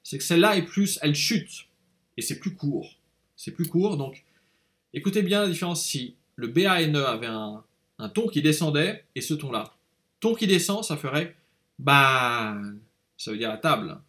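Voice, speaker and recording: A man's voice: on the high side, animated, moderate pace, fairly bright tone. A man teaching a language lesson, patiently explaining and repeating words aloud to show each tone.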